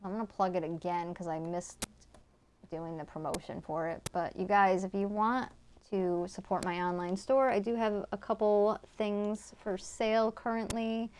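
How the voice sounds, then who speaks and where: Live-streaming a game, a Connecticut-accented woman talks casually with her audience, reading chat aloud, replying and using plenty of fillers. Her voice is mid-range and darkish, with fairly even intonation at a moderate pace, and slight background noise is present.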